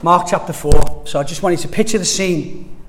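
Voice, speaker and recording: Earnest pastor in a reverberant hall. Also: male voice, a little high, brisk, fairly bright tone, a little hiss or hum. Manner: earnest, conversational preaching with frequent restarts. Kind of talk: sermon.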